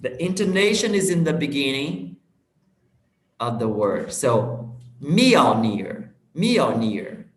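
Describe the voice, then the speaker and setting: A male English teacher giving an online conversation lesson, patiently correcting and modeling pronunciation slowly. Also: medium pitch, big pitch swings. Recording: echoey room.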